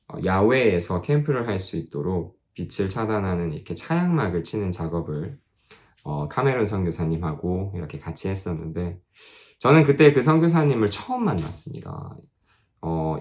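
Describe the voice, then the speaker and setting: A man's voice: sits low, a little mellow. A middle-aged man preaching to teenagers at a youth camp, telling a personal story and acting out the quoted dialogue with rising emphasis. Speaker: missionary speaker at youth camp.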